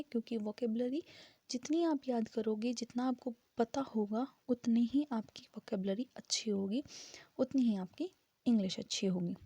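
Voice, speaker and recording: Woman teacher, casual lesson, husky, mellow, higher voice, dry close sound, breaks words into syllables. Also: no echo. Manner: explains step by step, spells out syllables slowly. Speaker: English grammar teacher.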